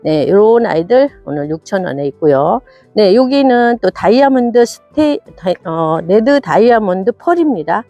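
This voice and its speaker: This woman speaks at a normal speed in a medium, mellow, expressive voice. She's from South Korea and is casually showing off succulents for sale, cheerfully gasping and exclaiming at each one, over dull lo-fi audio with faint background music.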